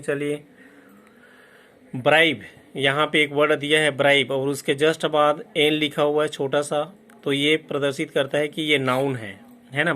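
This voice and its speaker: A man teaching a lesson on reading a dictionary in his English words. He checks in with "है ना" after each point and slows down to spell out English terms. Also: fairly high pitch, fairly bright tone. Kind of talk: classroom lesson explaining a dictionary.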